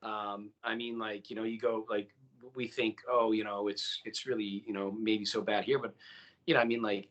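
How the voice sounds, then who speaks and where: A man's voice: on the low side, flat delivery, normal speed, fairly bright tone, lo-fi sound. A man co-hosting a podcast, chatting casually and rambling with many fillers and restarts. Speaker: podcast co-host. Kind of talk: casual chat.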